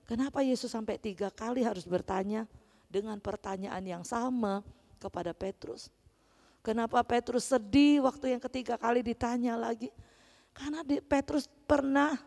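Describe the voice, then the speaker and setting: A woman teaches a children's Sunday school lesson and tells the story animatedly with playful voice shifts. Her voice sits fairly high. A long reverb from a church hall follows each phrase. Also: moderate pace, darkish tone. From Palembang, Indonesia.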